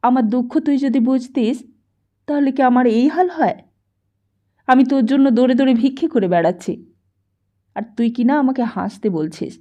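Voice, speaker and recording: A woman voicing a weary, bitter poor mother who scolds her son in a nagging, sharp, raised voice, in a dull lo-fi audiobook recording. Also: high-pitched, moderate pace, pauses often, natural voice. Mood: scolding. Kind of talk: audiobook character voice.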